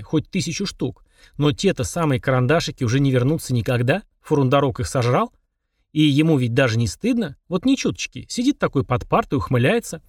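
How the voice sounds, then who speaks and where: A man narrating a children's audiobook in a lively, playful manner. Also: on the high side, no room sound, studio quality.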